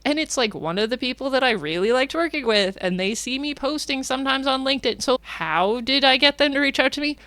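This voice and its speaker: Bright-voiced woman hosting a podcast. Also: high voice, brisk, few pauses, no room sound. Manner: relaxed, asks questions, rambles in loose phrases. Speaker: podcast host. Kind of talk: casual podcast interview.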